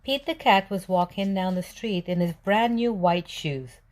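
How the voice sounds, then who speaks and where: A woman with a medium-pitched voice reads a storybook aloud to young children at a measured pace. She expressively poses questions and then answers them herself.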